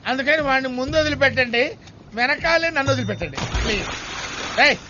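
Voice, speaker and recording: A man doing whiny, pleading, fast comic patter in film dialogue. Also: very high voice, lively intonation, noisy background. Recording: dull film soundtrack with music. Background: film music.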